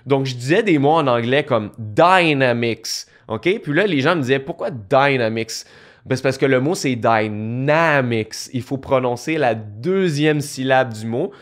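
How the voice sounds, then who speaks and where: A man hosting a podcast, talking in a chatty, conversational way with frequent restarts. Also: medium pitch. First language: French. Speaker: podcast host. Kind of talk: casual podcast monologue.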